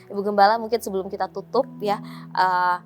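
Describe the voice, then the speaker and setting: A woman's voice: mid-range voice, steady tone, a little fast, soft background music. A woman hosting a TV talk show with an Indonesian accent, asking politely and hesitantly, with many fillers and English phrases. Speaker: TV show host.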